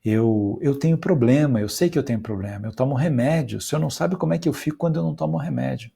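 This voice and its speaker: A man's voice: medium pitch, fast, creaky, dark tone, husky, pitched above the performer's own voice. A man recounting the words of a humble, sorrowful older churchgoer in plain, earnest speech. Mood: grieving.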